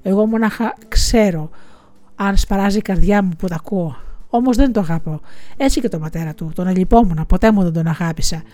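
A woman voicing a grieving, bitter widowed village schoolteacher in an audiobook, speaking in a quiet confessional way. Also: mid-range voice, no echo, lightly acted. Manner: quiet confessional, tearful, resentful. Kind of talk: audiobook reading.

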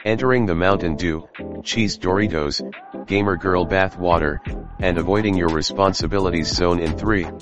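A deep, sarcastic robot announcer, as a man puts it on on a podcast intro, sneering through a countdown. The sound is dull and lo-fi, with loud guitar music running underneath. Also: normal speed, natural voice. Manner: sarcastic, mocking countdown delivery.

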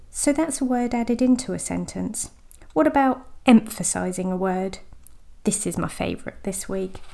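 Gentle woman with a gravelly voice. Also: medium pitch. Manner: gentle, deliberate, with slow emphatic words. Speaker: podcast host and sobriety coach. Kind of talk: reflective podcast monologue.

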